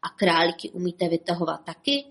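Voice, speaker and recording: A woman's voice: lowish voice, lively intonation. A woman voicing a curious, easily startled male cartoon rabbit who asks anxious questions. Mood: wondering.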